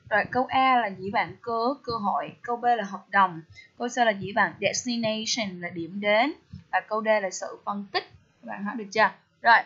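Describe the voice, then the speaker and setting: A woman's voice: mid-range voice, a bit bright, breathy edge. Woman teaching a quiz. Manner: keeps asking the listener questions. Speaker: English teacher. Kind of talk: TOEIC test walkthrough lesson. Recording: slightly dull lo-fi audio.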